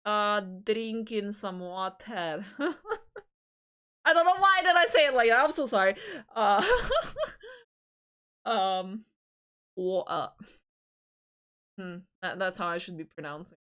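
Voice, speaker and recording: A woman's voice: medium pitch, takes it slowly, pauses often, fairly bright tone, smooth. A woman hosting a livestream, chatting casually with viewers in a giggly, rambling way, often restarting her sentences. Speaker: livestream host.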